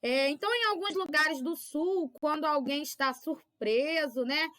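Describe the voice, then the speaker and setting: A woman's voice: high-pitched, measured pace, bright, forceful tone. A woman teacher, giving a recorded lesson to children and patiently checking in with little tag questions. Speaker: primary school teacher.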